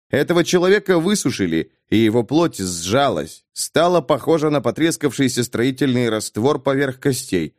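A man narrating a fantasy audiobook with expressive, dramatic reading. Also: mid-range voice, no echo, studio quality. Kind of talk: scripted narration.

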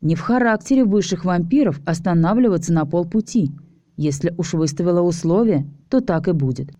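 A woman reads a story aloud in a steady, even voice, narrating as a man in the first person. Her tone is lowish and mellow. The recording is close and dry, with no room sound. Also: a little fast, dry recording. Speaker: audiobook reader. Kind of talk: scripted narration.

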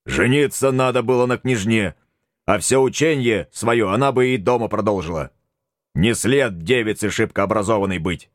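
A man's voice: fairly low pitch, normal speed, no room sound, clean studio sound, voice pushed up, lightly acted. A man voicing a folksy, bossy tsar in an audiobook, talking bluntly in homespun old-fashioned speech. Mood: chiding. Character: folksy bossy male tsar, middle-aged. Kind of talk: audiobook character voice.

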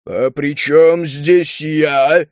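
A man voicing a huge, gruff old male kobold smith who talks in a slow growling rumble. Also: fairly even intonation, darkish tone, no room sound, clean studio sound. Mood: growling scornful. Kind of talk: audiobook character reading.

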